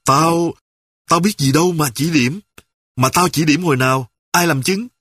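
A man's voice: mid-range voice, moderate pace, slightly rough, dry recording, pitched above the performer's own voice, lightly acted. A man voicing a scared young gang member who stammers. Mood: frightened. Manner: stammering, nervous.

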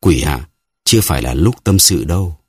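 A man's voice: lively intonation, normal speed, breathy edge, dry recording, studio quality, exaggerated voice. A man voicing a brooding, jealous young swordsman who mutters his thoughts in an audiobook. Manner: low, muttering to himself.

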